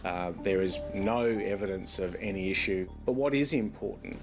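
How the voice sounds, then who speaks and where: Low-voiced spokesman with music behind. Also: normal speed. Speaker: industry association spokesman. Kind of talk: unscripted interview. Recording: music under the voice.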